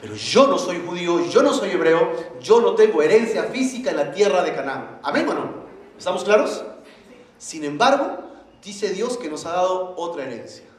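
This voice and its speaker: Guy preaching in a church, highish lively voice, super echoey room. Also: normal speed. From Peru. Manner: animated preaching, asks the congregation questions. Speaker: pastor. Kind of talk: sermon. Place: church hall. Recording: very echoey church hall, faint noise.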